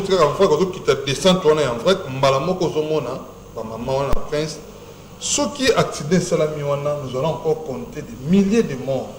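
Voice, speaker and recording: A man's voice: mid-range voice, roomy sound, a little hiss or hum, low-quality recording. A man with a Congolese accent hosting a studio talk show, speaking emphatically and rhetorically. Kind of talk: studio talk show, mixing French and Lingala. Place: TV studio set.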